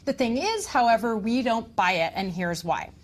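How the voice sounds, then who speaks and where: A woman's voice: on the high side, lively intonation, normal speed. A woman co-hosting a scripted tech rumor show with upbeat, confident banter.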